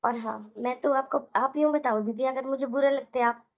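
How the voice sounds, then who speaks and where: A woman voicing a high patient young housewife. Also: steady tone, normal speed. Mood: pleading. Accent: Hindi. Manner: pleading, reasoning gently. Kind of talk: cartoon voice acting.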